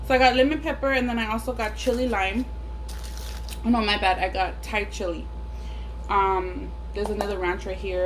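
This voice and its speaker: A mukbang vlogger from around Los Angeles talks casually and bluntly as she eats chicken wings, swearing her way through a rambling story. She has a medium-pitched voice. The audio is poor, with an air conditioner humming clearly in the background.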